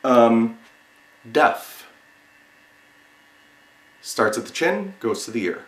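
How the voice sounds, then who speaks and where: A man giving an instructional lesson, explaining step by step in a halting way and repeating single words with pauses. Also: medium pitch, sing-song. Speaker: sign language teacher. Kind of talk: instructional lesson, demonstrating word by word. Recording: roomy, echoing sound.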